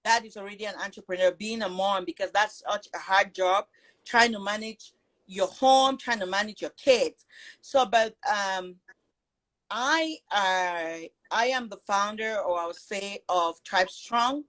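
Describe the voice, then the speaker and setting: On a low-quality recording, a middle-aged Cameroonian woman speaks at a measured pace in a medium-pitched, fairly bright voice. She's a business founder appearing as a guest on a live video call, talking earnestly and at length, often restarting her sentences.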